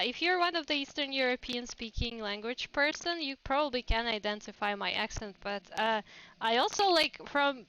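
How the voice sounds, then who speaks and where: A woman's voice: on the high side, bright, forceful tone, clean tone, no echo, rough recording. A woman with a Russian accent, chatting casually and rambling on a game livestream. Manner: chatty and rambling, laughs often. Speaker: VTuber streamer.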